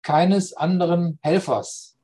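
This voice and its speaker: Reflective man explaining ideas slowly. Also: high-pitched, steady tone, warm tone. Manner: pondering, slow, often adds "ja?" to check understanding. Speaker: speaker on philosophy and spirituality.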